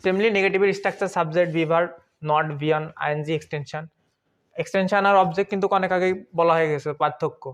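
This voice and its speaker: A man's voice: a little high, fairly even intonation, fast talker. A young man teaching an online grammar lesson in a chatty, informal way, asking questions and answering them himself.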